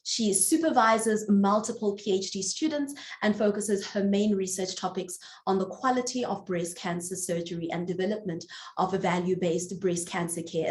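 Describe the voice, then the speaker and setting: A woman's voice: mid-range voice, a little mellow, reverberant. A South African woman moderating a panel webinar, introducing speakers with many fillers and restarts.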